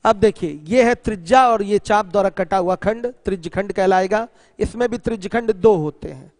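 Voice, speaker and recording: A man teaches a geometry class in a high, bright-pitched voice, checking in with students constantly and answering his own questions. He switches into English for technical terms and reads out questions from viewers. The sound is close and dry, yet a long hall reverb trails after his words. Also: normal speed. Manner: asks students questions often and answers them himself; mixes English terms into the explanation. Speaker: math teacher. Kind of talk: online geometry lesson.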